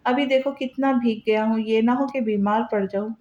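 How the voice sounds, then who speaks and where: A woman voicing a cruel, mocking young husband who taunts his wife in a soft menacing tone, in a roomy, dull lo-fi recording. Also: on the high side, fairly even intonation, moderate pace, lightly acted. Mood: taunting.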